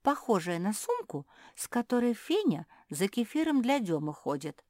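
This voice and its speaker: A woman's voice: mid-range voice, sing-song, moderate pace, darkish tone, no room sound, clean studio sound, pitched above the performer's own voice, lightly acted. A woman doing a curious young girl animal. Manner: explaining, questioning.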